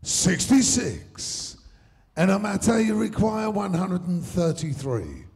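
A man working as a darts score caller, announcing match scores in a drawn-out, projected delivery. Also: high voice, very animated, darkish tone. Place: indoor tournament hall with seated audience.

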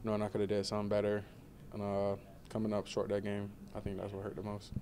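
A young man in his twenties, a college football player, answering questions in a relaxed postgame press interview, with many fillers. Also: fairly low pitch, quick pace. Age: 20s. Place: indoor media room before a banner.

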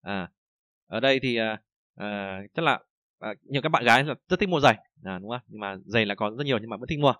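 A man with a Vietnamese accent teaching a language lesson, reading example sentences slowly and then explaining them in a casual, chatty way. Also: mid-range voice, animated, fairly bright tone, no room sound, lo-fi sound. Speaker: Chinese teacher.

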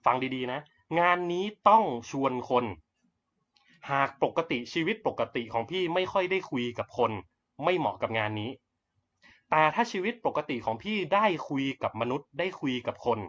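A man giving a blunt, casual live-stream sales pitch, talking offhand and crude. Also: sing-song, normal speed, fairly bright tone, highs cut off. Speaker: network marketing presenter.

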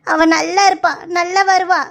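Woman as brisk, high-voiced village mother-in-law in a cartoon, southern Tamil dialect. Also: fairly even intonation, gravelly, fairly bright tone, exaggerated voice. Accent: southern Tamil Nadu (Tirunelveli) dialect. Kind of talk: cartoon voice acting.

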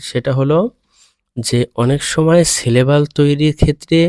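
A man with a Bangladeshi Bengali accent teaching a beginner language lesson, explaining slowly and checking in with "okay?" after each point. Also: on the high side, fairly even intonation, darkish tone, clear, resonant tone, no echo. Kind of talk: screen-recorded lesson explanation.

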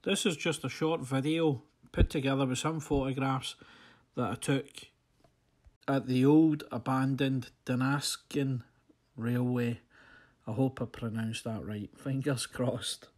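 A man narrating a slideshow of his photographs in a relaxed, friendly, slightly hesitant way. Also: medium pitch, measured pace. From Scotland. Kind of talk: casual voice-over narration. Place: voice-over, not recorded on site.

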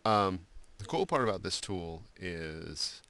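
A man giving a screen-recorded software drawing tutorial, talking loosely with many fillers and restarts. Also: sits low, lively intonation, slow. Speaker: art instructor.

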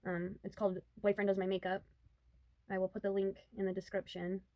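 A woman's voice: mid-range voice, completely flat delivery, fairly quick, mellow, dry recording. A young woman vlogger telling a story in a chatty, giggly way. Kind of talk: casual chat.

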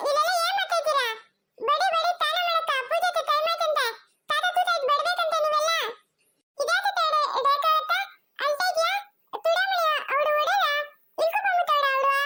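A woman voicing a nosy, chirpy little girl in a cartoon, talking loudly in a very high voice. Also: a little fast, background noise. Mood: excited, nosy. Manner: very high, loud, excited chatter.

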